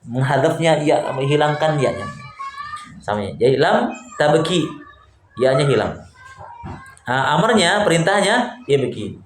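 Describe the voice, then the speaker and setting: A man with a slightly high voice teaches a grammar class. He keeps firing questions at his students and echoes their replies. His voice rings around a reverberant room, with a faint hum underneath. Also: lively intonation, measured pace, pauses often. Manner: quizzes students and repeats answers.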